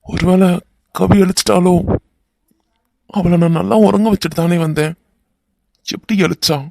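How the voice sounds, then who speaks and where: A man voicing a young husband in an animated romance, earnest and bantering in a Kanyakumari Tamil accent. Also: high voice, a little slow, creaky. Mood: earnest musing.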